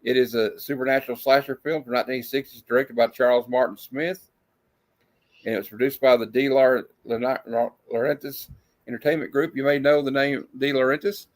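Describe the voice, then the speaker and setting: A man acts as horror host for a movie review stream. His delivery is casual and conversational, a loose host's patter in a medium-pitched voice. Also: steady tone, brisk. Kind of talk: casual livestream chat.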